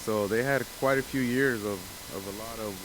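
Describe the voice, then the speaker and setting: A man chats casually as a channel host, wandering through his points with fillers, restarts and asides. His voice sits at an ordinary middle pitch. A steady hiss runs under the recording. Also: brisk. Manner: loose, rambling, lots of fillers and restarts. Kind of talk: casual chat. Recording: hissy background noise.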